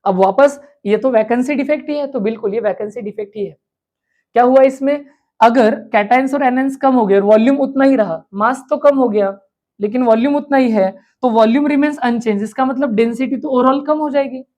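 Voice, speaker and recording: Brisk, high-voiced woman teaching chemistry. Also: mellow. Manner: asks students' questions aloud and answers them; repeats key terms slowly for emphasis. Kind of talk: exam revision lecture.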